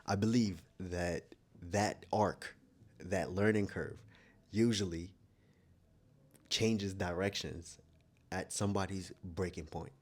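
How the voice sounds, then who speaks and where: A man's voice: deep voice, slow, long pauses, darkish tone. A man talking frankly and thinking aloud in a casual vlog monologue, with plenty of restarts. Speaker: vlogger.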